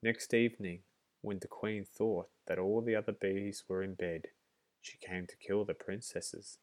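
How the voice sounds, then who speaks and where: A man reads a storybook aloud in a very deep, low voice. His delivery is steady and measured, as a narrator.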